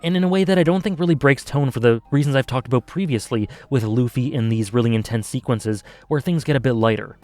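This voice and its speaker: A man's voice: medium pitch, fast, hardly any pauses, a little mellow. A man casually reviewing an anime arc, thinking aloud with many fillers and self-corrections.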